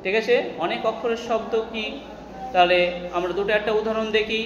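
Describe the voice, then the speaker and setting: High-pitched Bengali teacher in an echoey classroom. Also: male voice, steady tone. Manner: explains slowly, asks students questions and answers them himself. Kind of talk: classroom English grammar lesson. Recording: echoey classroom with long reverb and faint noise.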